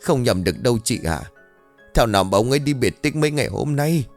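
A man's voice: medium pitch, animated, fast talker, faint music behind, voice pushed up, close to an everyday voice. A man voicing a distraught village wife who laments her fate in a spoken ghost story.

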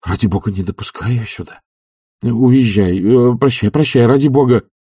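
A man reading an audiobook, voicing a weary, apathetic middle-aged gentleman who talks in a soft, pleading, subdued way. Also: medium pitch, moderate pace, husky, no room sound, clean studio sound, recorded from a distance, pitched above the performer's own voice, natural voice. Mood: frightened.

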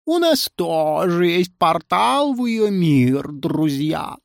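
A storyteller voicing a male cat who runs a fairy-tale school, melancholy and theatrical in a measured, dry delivery. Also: mid-range voice, big pitch swings, gravelly, dry recording, pitched above the performer's own voice, heavily acted. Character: pompous male cat deputy head in pince-nez.

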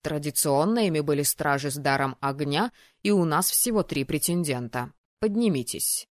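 A woman's voice: deep voice, animated, moderate pace, no room sound, clean studio sound, voice pushed down. A woman reading an audiobook who voices a stern, cold male dean of a magic academy, speaking in a clipped, commanding, formal way. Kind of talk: audiobook character voice.

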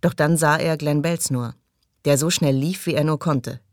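A man reading an audiobook aloud in measured, dramatic storytelling. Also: on the high side, fairly even intonation, dry recording, clean studio sound. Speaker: audiobook reader. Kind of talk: scripted narration.

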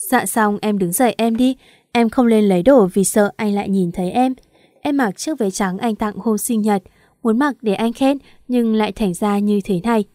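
A woman's voice: medium pitch, mellow, no room sound, studio quality. A woman narrating a first-person romance story aloud, acting out the quarrels and tears in the dialogue. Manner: emotional, voices the quarrels and crying. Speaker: audiobook narrator.

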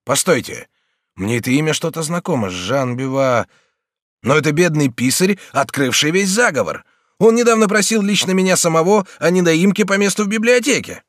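A man's voice: mid-range voice, lively intonation, normal speed, dry recording, clean studio sound. A man reading an audiobook voices a kindly, easily moved middle-aged prince regent, exclaiming and questioning with raised emotion. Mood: earnest. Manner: exclaiming, warm and agitated.

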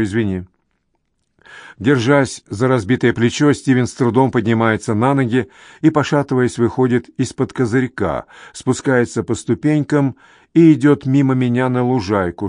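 A man narrating a novel in a measured, even reading. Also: mid-range voice, no echo, studio quality. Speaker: audiobook narrator. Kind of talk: scripted narration.

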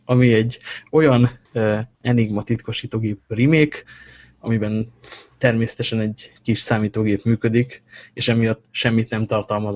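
A man's voice: fairly low pitch, a little mellow. A man co-hosting a podcast in casual tech banter, playful and mock-grand, swearing now and then for comic effect. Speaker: podcast co-host. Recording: dull lo-fi podcast recording.

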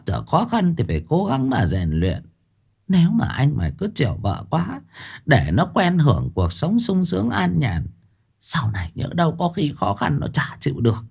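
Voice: medium pitch, gravelly, darkish tone, husky, voice pushed up, full character voice. A storyteller voicing a domineering elderly mother-in-law who berates her daughter-in-law in a shrieking tirade. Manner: shrieking, rapid-fire tirade.

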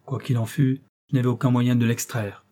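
A man reading an audiobook aloud in steady, even scripted narration. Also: mid-range voice, moderate pace. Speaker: audiobook reader.

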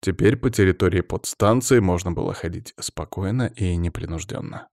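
A man reading an audiobook as narrator, in steady, measured first-person storytelling. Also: sits low, dry recording, studio quality.

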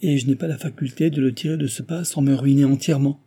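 A man voicing a sorrowful, anxious gentleman who speaks mournfully. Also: medium pitch, steady tone, quick pace, slightly rough, pitched above the performer's own voice. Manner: mournful, worried.

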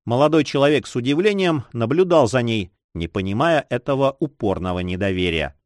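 Expressive male audiobook narrator. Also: medium pitch, a little fast, no room sound, studio quality. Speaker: audiobook reader. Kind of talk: scripted narration.

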